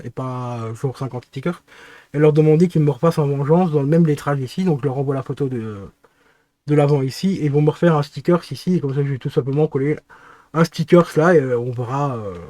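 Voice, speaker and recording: A man hosting his own channel, chatting casually about a DVD collection, hesitant, with many fillers and self-corrections and relaxed slangy talk. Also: fairly high pitch, no echo. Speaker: film collector and channel host.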